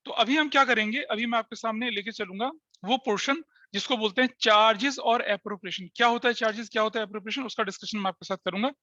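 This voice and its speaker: Speaking fast in a high, sharp voice, a man lectures a class step by step, regularly checking understanding with questions to his students and dropping in English terms. The recording is dry and lo-fi.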